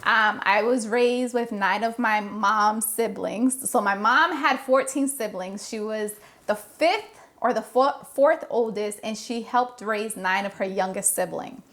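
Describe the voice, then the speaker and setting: A woman's voice: medium pitch, unhurried, a bit bright. A woman, openly and earnestly telling her life story as a podcast guest. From Providence, Rhode Island. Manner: open, earnest, reflective. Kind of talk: casual personal storytelling.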